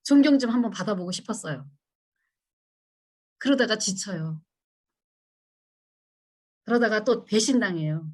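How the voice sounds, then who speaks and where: A middle-aged woman teaches a church women's seminar in an expressive, mid-range voice, speaking a little slowly and pausing often. She acts out her own past pleas as quotes and puts questions to the audience.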